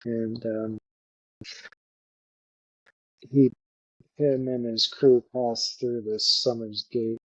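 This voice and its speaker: A middle-aged man hosts his podcast alone, speaking slowly and haltingly with fillers. The recording is dull and lo-fi, with a dry room. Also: medium pitch, level tone, no echo. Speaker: podcast host. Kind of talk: solo podcast talk.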